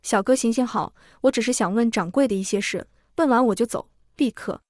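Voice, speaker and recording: A worn, humble fortune teller begs and presses with eager questions, as a woman reading the tale puts him on. The voice stays a bit high and meek. The storybook audio is close and dry. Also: brisk, a little mellow, no echo, close to an everyday voice. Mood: pleading. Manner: pleading, humble.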